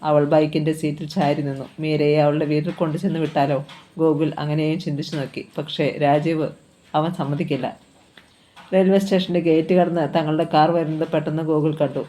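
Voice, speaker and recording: Novel reader, steady narrating delivery, warm dark tone. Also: mid-range voice, brisk. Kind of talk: reading a novel aloud.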